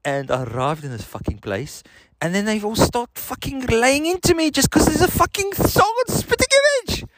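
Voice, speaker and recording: Very high-voiced and very animated, a middle-aged South African man with a South African accent rambles at a moderate pace, full of profanity and self-mockery. He records this casual video message on a handheld recorder, with background noise audible.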